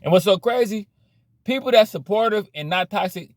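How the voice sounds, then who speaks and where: A man's voice: high-pitched, expressive, normal speed, dry recording, clean studio sound. Blunt man ranting in slang. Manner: blunt, repetitive, slangy, preachy. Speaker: motivational vlogger. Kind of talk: casual motivational rant.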